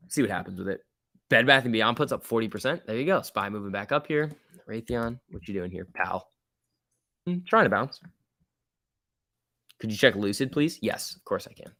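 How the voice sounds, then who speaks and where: A man's voice: mid-range voice, sing-song, normal speed, long pauses, bright, forceful tone, no room sound, studio quality. A man hosting a live stock trading stream, chatting casually in slangy, chummy off-the-cuff commentary as he answers viewers. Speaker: stock trading livestream host.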